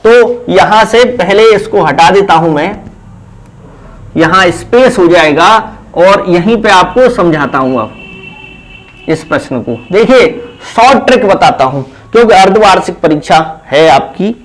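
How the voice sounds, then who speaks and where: A man's voice: high voice, expressive, poor audio. A man teaching a chemistry lesson for exam preparation. He speaks, repeats key terms and asks questions that he then answers himself. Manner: slow, repetitive, asks rhetorical questions then answers them. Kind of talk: exam-prep lesson explaining at a board.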